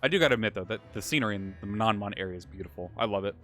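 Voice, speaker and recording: A man chatting casually with his viewers during a live game stream, rambling and a little hoarse as he loses his voice. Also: lowish voice, expressive, very fast, fairly bright tone. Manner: rambling, talks to chat while playing. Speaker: livestreamer. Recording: game music behind the voice.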